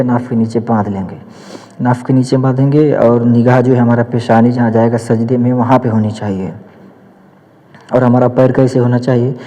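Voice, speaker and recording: A man's voice: medium pitch, mellow, in a large hall, poor audio. A man, teaching the steps of prayer patiently and repeating each point as he demonstrates it. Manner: patient, repetitive step-by-step explaining, demonstrating as he speaks. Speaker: Islamic teacher. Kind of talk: practical religious instruction.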